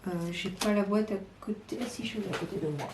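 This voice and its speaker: A woman talks casually to her viewers, pausing often on fillers while staying enthusiastic. Her voice sits at a middle pitch. The room is echoey, with a faint hiss behind her. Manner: hesitant, many fillers, chatty and enthusiastic. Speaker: tarot and oracle card YouTuber. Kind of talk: casual chat to camera.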